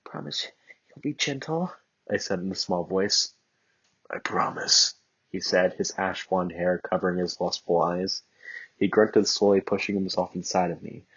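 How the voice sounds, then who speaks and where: A man's voice: deep voice, level tone, moderate pace, husky, muffled recording. A man reading fan fiction aloud with dry, sarcastic asides.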